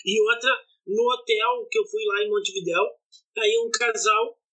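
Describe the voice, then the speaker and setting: A podcast co-host telling travel stories in a casual, animated and indignant way, swearing along the way. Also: mid-range voice, normal speed, poor audio. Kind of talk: casual storytelling chat.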